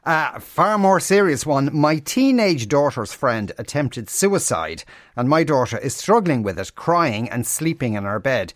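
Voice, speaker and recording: A male radio host with a mid-pitched voice that rises and falls a lot. He reads listener questions in a measured, steady way. The sound is dry and close. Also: dry recording.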